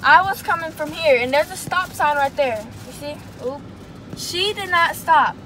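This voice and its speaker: A young woman vlogging from inside a car on a phone held at arm's length, talking casually in slangy, profane speech and getting loudly worked up. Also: high-pitched, normal speed. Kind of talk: casual vlog chat. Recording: phone recording with loud car and street noise.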